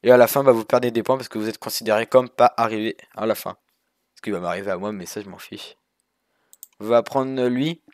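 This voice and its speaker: A man's voice: on the low side, fairly even intonation, brisk, no room sound, clean studio sound. A man casually narrating a walkthrough of a sailing game over his screen, rambling with many fillers and restarts. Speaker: gaming youtuber.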